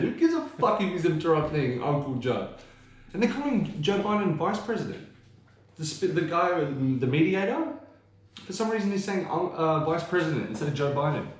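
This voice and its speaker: A man's voice: sits high, heavy reverb. A man from Australia, co-hosting a podcast in casual, rambling chat full of swearing. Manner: swearing, laid-back, rambling. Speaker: podcast co-host.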